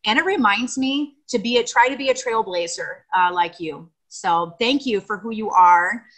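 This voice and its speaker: A woman's voice: medium pitch, normal speed, fairly bright tone, rough recording. An American woman on a video call giving an emotional, gushing tribute to a friend, rambling with fillers. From United States. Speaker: guest speaker on video call. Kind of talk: heartfelt tribute speech.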